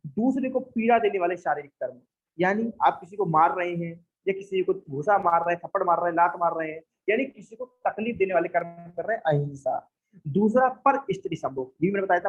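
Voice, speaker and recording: A young male teacher giving a classroom lecture on a text, explaining with everyday examples and frequent checks like "okay". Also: high-pitched. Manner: explains with everyday examples and acted quotes, frequent "theek hai". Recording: muffled, dull lo-fi sound.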